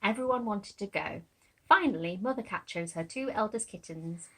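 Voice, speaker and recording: A woman narrating a children's picture book aloud, gently pointing young listeners to the pictures. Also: mid-range voice, lively intonation, normal speed, poor audio. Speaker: storybook narrator.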